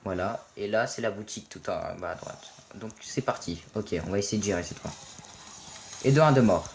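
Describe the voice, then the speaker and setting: A young French man casually commentating a mobile game match, playful and excitable, joking and swearing at his teammates. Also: on the low side, normal speed, a little hiss or hum. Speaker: gaming video commentator.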